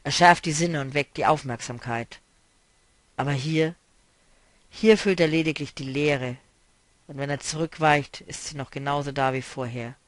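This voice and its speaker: A man reading a novel aloud, voicing a weary, melancholy male traveler who speaks quietly and broodingly. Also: on the high side, fairly even intonation, moderate pace, dry recording, close to an everyday voice.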